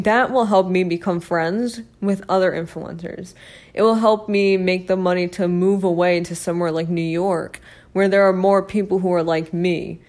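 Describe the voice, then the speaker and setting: A young woman hosting a casual solo podcast, rambling with many fillers and self-mocking laughs, her voice hoarse as she is losing it. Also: on the low side, a little mellow. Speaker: podcast host.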